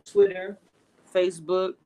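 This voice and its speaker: Poor audio captures a woman in her forties who hosts a livestream and chats with viewers, drawing out her words. She speaks on the low side with a dark tone and big pitch swings.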